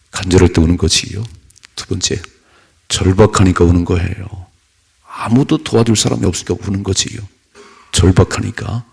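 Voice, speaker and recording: A man's voice: on the low side, creaky, darkish tone, husky. A male pastor giving an early-morning sermon in a church, preaching conversationally with rhetorical questions and personal stories.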